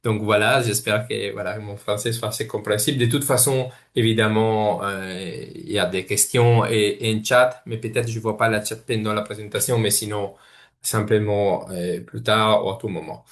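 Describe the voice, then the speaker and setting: A native Italian speaker from Italy, this man talks with an Italian accent as a guest presenter on a video call webinar. His voice is lowish and steady, delivered at a normal speed, and he often searches for words and restarts phrases.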